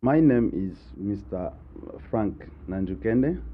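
A man from the Republic of Congo, recounting his experiences slowly and hesitantly. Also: fairly low pitch, lively intonation. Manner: slow and hesitant, with fillers. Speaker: interviewee. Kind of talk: personal account. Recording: phone-like line with faint noise.

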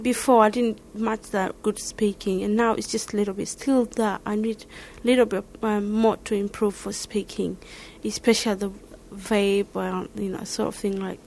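A woman from Somalia with a Somali accent, answering interview questions in halting, searching English. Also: medium pitch, a little hiss or hum. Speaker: learner interviewee.

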